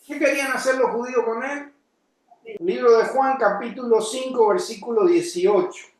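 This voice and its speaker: A man preaching a sermon as pastor, asking his congregation questions and breaking into sudden shouted emphasis. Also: very high voice, moderate pace. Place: church. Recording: echoey church hall.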